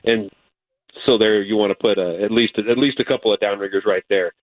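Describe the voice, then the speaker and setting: A man working as a fishing guide, calling in to chat about fishing in a relaxed, folksy way. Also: on the low side, a little fast, dry recording. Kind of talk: casual phone-in chat. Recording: tinny phone line.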